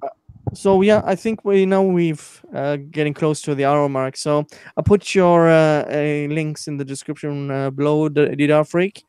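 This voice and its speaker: A man hosts a casual online stream, his voice smooth and resonant, sitting a little high. He speaks in halting bursts, stopping and restarting with lots of "uh". The sound is close and dry, with no room in it. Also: steady tone, a little mellow, dry recording. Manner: halting, many fillers and restarts. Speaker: podcast host.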